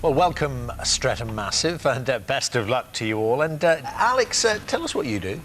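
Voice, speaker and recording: A man's voice: medium pitch, very animated, a bit bright, slight background noise. A man hosting a television quiz show, reading questions and chatting with contestants in an upbeat way. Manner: brisk, upbeat, with frequent "uh" fillers. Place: television studio.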